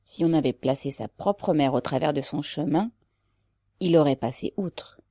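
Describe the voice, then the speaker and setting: A man's voice: a little high, normal speed, warm tone, no room sound, clean studio sound, lightly acted. A woman reading aloud and voicing a gaunt, bitter peasant man who speaks in a fiery, rousing way. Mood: grim.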